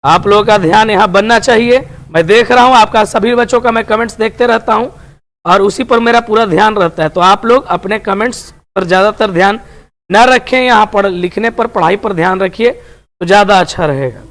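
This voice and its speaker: This man's voice sits high and is fairly bright, moving a little fast as he teaches Hindi grammar online. He encourages his students, addressing them as dear and friends, and keeps repeating tag questions after nearly every sentence.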